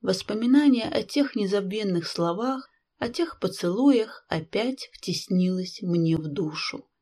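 Woman reading a classic novel calmly. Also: medium pitch, measured pace. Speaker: audiobook reader. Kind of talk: scripted literary narration.

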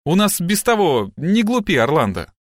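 A man voicing a distraught, sharp-tongued middle-aged wife and mother in an audiobook, with sharp, agitated outbursts. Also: mid-range voice, lively intonation, moderate pace, no room sound, studio quality, close to an everyday voice. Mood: exasperated.

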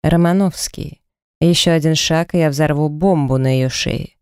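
A woman's voice: deep voice, moderate pace, darkish tone, smooth, no room sound, studio quality. A woman voicing a scheming male kidnapper in an audiobook, speaking in a mocking, triumphant way. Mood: threatening.

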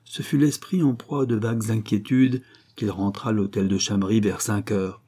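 Low, husky male audiobook narrator. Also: fairly even intonation, normal speed, mellow. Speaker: audiobook reader.

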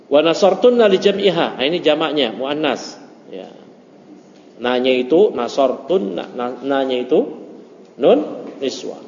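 A man teaching an informal grammar class, joking and chatty, mixing Arabic terms into relaxed explanations. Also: on the high side, slight background noise. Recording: muffled echoey room recording.

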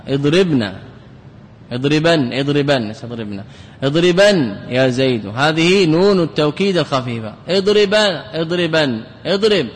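A man, a sheikh teaching Arabic grammar, lecturing in class, repeating examples aloud and quizzing his students. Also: on the high side. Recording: reverberant hall recording, faint noise.

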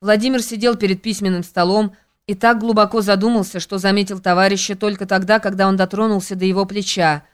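Woman, audiobook narration, smooth resonant voice, medium pitch, measured. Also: flat delivery. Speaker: audiobook reader.

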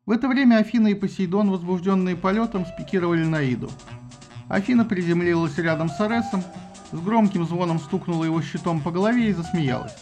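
A man reads a story aloud in a somewhat higher voice than most men, with an ironic, lively storyteller's touch. Faint music plays beneath the narration. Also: fast talker. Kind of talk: audiobook narration.

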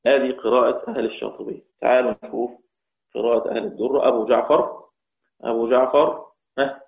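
A man with an Egyptian accent teaching the variant Quran readings, repeating each phrase and chanting the quoted verses slowly. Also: mid-range voice, fairly even intonation, gravelly. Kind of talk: religious lesson explaining readings. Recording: echoey, tinny phone-like sound.

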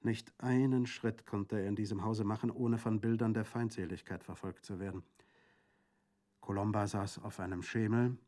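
A man narrating a classic novel in a measured storytelling manner. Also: on the low side, steady tone, warm tone. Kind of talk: literary audiobook reading.

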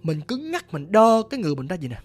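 A woman's voice: fairly low pitch, sing-song, racing, soft background music. A woman telling a first-person ghost story in a chatty way, speaking directly to her listeners.

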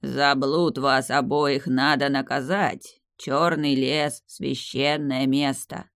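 A woman voicing a grumpy, prudish old female tree spirit in an audiobook, with a wheezy, croaking voice and a slow, drawling, scolding manner. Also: rumbling low, level tone, fairly bright tone, dry recording, clean studio sound, full character voice. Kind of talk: audiobook character voice.

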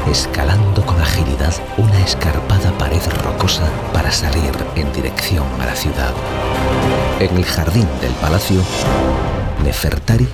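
A male audio description narrator reads scripted scenes evenly and neutrally. His voice is extremely deep, set against prominent loud music. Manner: measured, neutral.

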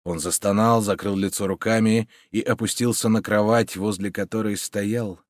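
A man narrating a dramatic novel in a steady way, dropping low for grim passages. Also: normal speed, no echo, studio quality. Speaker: audiobook narrator.

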